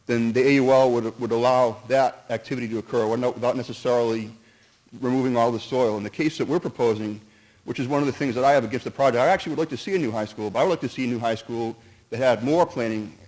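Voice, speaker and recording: At a town meeting, a man gives public comment, earnest and cautious as he stumbles, restarts and hops between points to share his opinion. His voice is medium-pitched and darkish, spoken quickly, on a rough recording.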